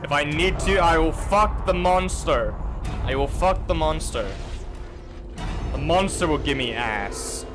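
A male game streamer who talks slowly in a slightly high voice, joking crudely and yelling in bursts. Game music plays under his commentary. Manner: crude, excitable and goofy, with loud outbursts. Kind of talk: casual gaming commentary.

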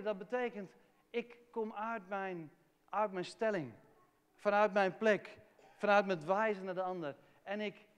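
A man's voice: sits high, clear, resonant tone. A man preaching a sermon in a church, talking earnestly and candidly about his own life, often restarting his phrases. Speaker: pastor. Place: church hall. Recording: long reverb of a church hall.

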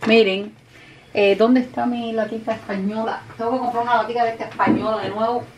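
A woman with a Cuban Spanish accent, chatting warmly to her viewers while cooking in her home kitchen, calling them "mi gente". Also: on the high side, fairly even intonation, fairly quick, background noise. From Cuba. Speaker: cooking vlogger. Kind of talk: casual cooking vlog talk to viewers. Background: dishes, pots and pans clattering.

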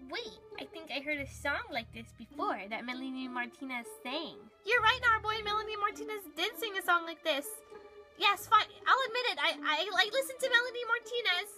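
Very high-voiced woman play-acting with toys. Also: animated, brisk, over music. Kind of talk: toy play-acting, voicing several figurine characters.

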